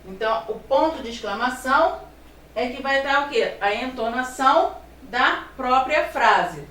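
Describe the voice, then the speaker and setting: High-voiced woman teaching grammar. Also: expressive, a bit bright. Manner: explaining with rhetorical questions, slow stressed examples. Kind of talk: grammar lesson. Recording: roomy sound from a distance, faint room noise.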